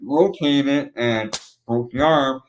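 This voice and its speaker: A man's voice: medium pitch, slow pace, a little hiss or hum, low-quality recording. A middle-aged man hosting a podcast, chatting casually and drawing lessons from shared stories. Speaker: podcast host. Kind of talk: casual interview conversation.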